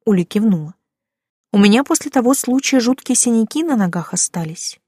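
Husky woman reading a story aloud. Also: on the high side, brisk, dry recording, clean studio sound. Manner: lively, expressive reading. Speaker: audiobook narrator. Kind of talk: first-person fiction narration.

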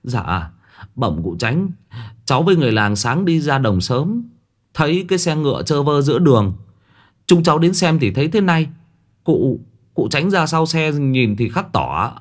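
A man voicing a panicked young villager who brings bad news in a ghost story, pleading in a rushed way. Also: on the high side, very animated, voice pushed up. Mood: timid.

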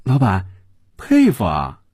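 A man's voice: a little high, lively intonation, darkish tone, slightly rough, dry recording, clean studio sound, voice pushed up. A man voicing a playful young female office worker who teases her boss. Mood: teasing. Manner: teasing, quick, pouty.

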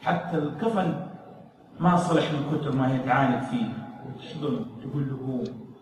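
A man preaching an emotional sermon, telling a story and swinging between loud pleading and hushed tones. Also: mid-range voice, fairly quick. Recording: echoey hall, distant mic, faint noise.

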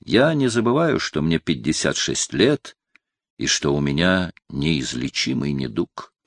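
A man reading an audiobook, voicing a proud, quick-tempered cardinal in his fifties who bursts into loud indignation. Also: very deep voice, big pitch swings, dry recording, clean studio sound, voice pushed down, exaggerated voice. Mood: solemn. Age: 50s. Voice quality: flaring into loud indignant outbursts. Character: imperious aging cardinal, proud, quick to anger. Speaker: audiobook reader voicing a character.

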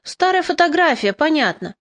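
A woman's voice: high voice, big pitch swings, moderate pace, fairly bright tone, pitched above the performer's own voice. A woman reading an audiobook, voicing an easygoing male friend who speaks matter-of-factly. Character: casual male friend helping with a photo.

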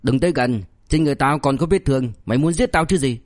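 A man plays a blunt young boss who threatens and mocks in a harsh tone. The voice sits at a middle pitch, recorded close and dry. It is an audiobook character voice. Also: fast, a little mellow, no echo, close to an everyday voice. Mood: snapping.

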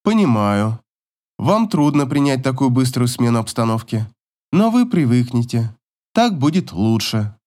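A man voicing a calm female social worker in an audiobook, speaking in a hushed, soothing way. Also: medium pitch, measured pace.

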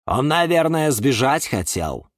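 A man's voice: mid-range voice, very animated, a little slow, no echo, studio quality, voice pushed up. A man voicing a bossy, nosy female cactus who talks down dismissively in a storybook. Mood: scolding. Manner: dismissive, scolding.

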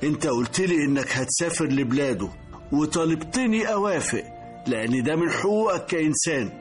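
A man's voice: a little high, animated, brisk, faint music behind, lightly acted. A man playing a stern, principled king and father with an Egyptian accent in a radio drama. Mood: stern, probing.

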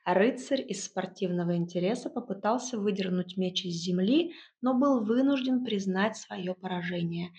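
A woman's voice: mid-range voice, moderate pace, vocal fry, hardly any pauses, darkish tone. Woman narrating a wry audiobook. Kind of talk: first-person audiobook narration.

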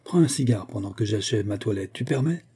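A man's voice: lowish voice, expressive, brisk, dark tone, husky, full character voice. A man voicing a cheerful, teasing young male officer who talks in a breezy, chatty, mocking way.

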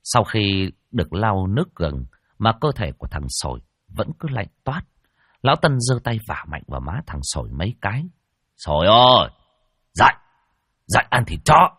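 A man's voice: deep voice, big pitch swings, moderate pace, no room sound, clean studio sound. A man narrating a ghost story vividly and expressively.

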